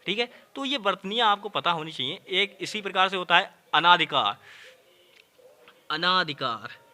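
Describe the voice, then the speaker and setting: Man, teacher, high-pitched, very bright tone, chatty online class, calls students brother. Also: a little fast. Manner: chatty, addresses students as brother, repeats "okay" often. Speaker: Hindi teacher.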